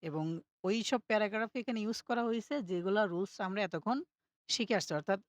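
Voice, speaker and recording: A woman with a medium-pitched voice speaks briskly, with no room sound. She teaches German pronunciation in a self-study class, walking through each rule step by step and often checking that listeners are following.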